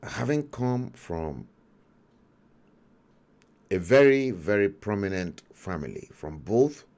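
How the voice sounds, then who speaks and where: Slow, emphatic Nigerian man telling a story. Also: on the low side, lively intonation, darkish tone. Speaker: talk show host. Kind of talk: livestream commentary monologue.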